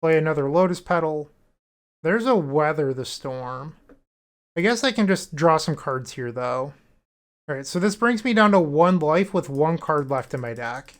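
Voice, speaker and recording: A man's voice: fairly high pitch, animated, normal speed. A man giving casual commentary on his own card game matches, thinking aloud through each play in an upbeat, wry way. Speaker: gameplay commentator.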